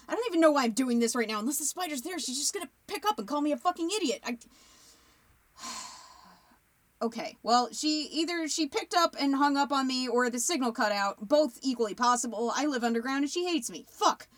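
An actress playing a frantic, profane podcast host who stammers and pleads. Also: female voice, high-pitched, animated, a little fast, no echo. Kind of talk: audio drama acting.

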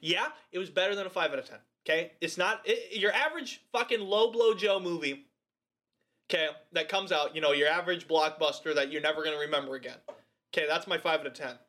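A man co-hosting a podcast, reviewing a movie in casual chat, animated and swearing a lot with frequent laughs. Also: on the high side, fast talker. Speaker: podcast co-host.

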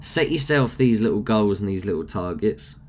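A man's voice: lowish voice, animated, moderate pace, a little hiss or hum. A young man with a nasal voice, hosting a casual motivational rant and speaking bluntly with frequent swearing. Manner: blunt, swears freely, chatty. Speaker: podcast host.

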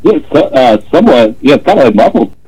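A man's voice: mid-range voice, sing-song, quick pace, warm tone, slightly rough. A man talking casually over a muffled phone call that keeps dropping out, hesitating with many fillers. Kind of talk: casual chat. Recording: muffled distant phone line.

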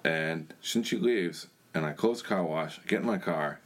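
A man's voice: sits low, moderate pace, fairly bright tone. A young man giving a blunt, plain-spoken personal testimony in a conversation. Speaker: church member sharing his testimony.

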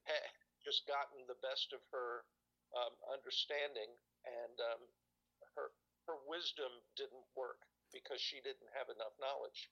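Hesitant, bright-voiced man rambling through memories. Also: medium pitch, steady tone, a little slow, creaky, muffled recording. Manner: rambling, hesitant, searches for words. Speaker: guest recalling church experiences. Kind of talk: casual conversation.

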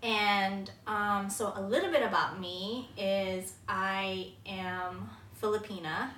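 Slow-talking woman, echoey and off-mic. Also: mid-range voice, steady tone, fairly bright tone, far from the mic, slight background noise. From Philippines. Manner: unhurried, many "um"s, frequent laughter. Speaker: podcast guest. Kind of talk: casual interview chat.

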